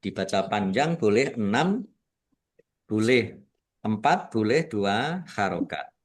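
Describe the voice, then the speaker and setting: Slow, deliberate male Quran teacher. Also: fairly low pitch, big pitch swings. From Indonesia. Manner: patient, deliberate, repeats rules and stretches out recited words. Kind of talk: tajwid lesson with slow recitation.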